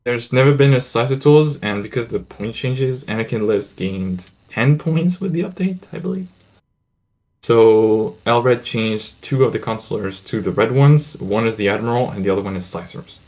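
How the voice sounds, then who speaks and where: A man co-hosting a casual podcast about a tabletop game, mostly giving brief, relaxed replies. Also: mid-range voice, moderate pace. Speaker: podcast co-host.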